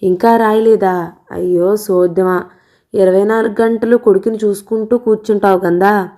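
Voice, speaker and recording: A woman voicing a loud, teasing middle-aged village woman who scolds and grumbles, in a storybook reading. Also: mid-range voice, steady tone, normal speed, close to an everyday voice. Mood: scolding, teasing. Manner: scolding and grumbling, shouts often.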